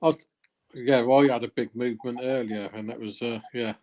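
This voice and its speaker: A man chats with friends, reacting and then spinning a short anecdote. His voice sits at a middle pitch, plain and relaxed. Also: fairly quick. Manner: storytelling, reactive. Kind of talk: casual group chat.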